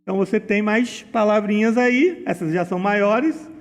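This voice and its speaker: High-voiced Brazilian man teaching grammar. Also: in a large hall. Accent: Brazilian Portuguese. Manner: didactic, slows to spell out words and rules, uses diminutives. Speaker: exam prep teacher. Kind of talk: recorded exam-solution lesson.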